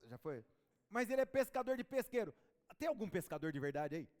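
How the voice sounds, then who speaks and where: Man, pastor, high voice, lively storytelling sermon, long church reverb. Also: fairly quick. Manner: storytelling, animated, chatting with the congregation. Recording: preacher in a reverberant church hall.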